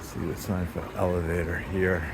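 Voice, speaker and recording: A man's voice: low voice, flat delivery, moderate pace. A man giving a casual, unscripted walking tour, hesitant and thinking aloud as he goes. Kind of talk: casual, unscripted walk-through commentary. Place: indoor train station, walking. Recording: very noisy busy train station.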